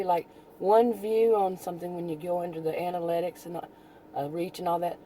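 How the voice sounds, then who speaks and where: A woman talks to camera in a loose, rambling vlog monologue, often losing her thread and trailing off. Her soothing voice sits a little low and sounds very mellow and dark. Faint ambience hums in the background. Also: slight background noise, low-quality recording. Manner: rambling, easily distracted, trailing off. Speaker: YouTuber.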